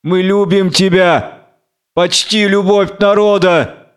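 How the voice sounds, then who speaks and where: A fierce, bitter blind woman delivers slow, solemn reproaches, as a man reading a play puts her on. The tone is grave and accusing. The voice is clear and slightly high. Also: steady tone. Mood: pleading.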